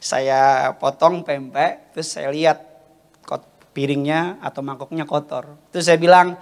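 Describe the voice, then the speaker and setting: High-voiced joking male pastor. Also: a little slow. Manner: animated and joking, calls for congregation responses. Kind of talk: sermon. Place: church service.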